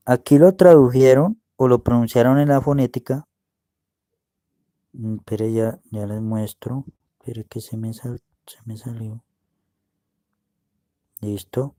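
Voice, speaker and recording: A man with a warm, mid-range voice preaches and teaches Bible words, guiding listeners through a screen share. He speaks slowly and explanatorily, often asking "¿ve?" to check they can see, on a dry, studio-quality recording.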